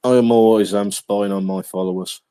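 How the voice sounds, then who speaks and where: A man's voice: on the low side, steady tone, moderate pace, dark tone, smooth, dry recording. A man hosting a casual podcast, chatty and often repeating words as he starts a sentence. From England. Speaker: podcast host. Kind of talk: casual chat.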